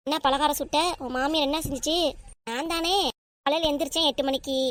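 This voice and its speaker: A woman's voice: high-pitched, a bit bright, no room sound. A woman performing a chatty, teasing village gossip comedy, voicing several women.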